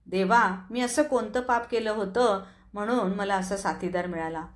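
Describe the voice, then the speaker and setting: A woman's voice: mid-range voice, fairly even intonation, normal speed, natural voice. A woman reading the part of an anguished young wife, crying out in a pleading, anxious voice. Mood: despairing. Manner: pleading, anxious inner outcry.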